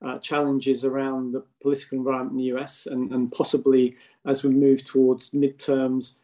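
A man giving measured expert commentary as a podcast guest, hesitating through long, winding sentences. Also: mid-range voice, monotone, dark tone.

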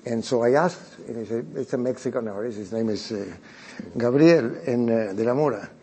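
A man from Argentina, an art collector telling a story on a panel, often pausing with "uh" and restarting phrases. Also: mid-range voice, dark tone, slight background noise. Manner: hesitant, restarting phrases with frequent "uh". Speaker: private art collector, guest.

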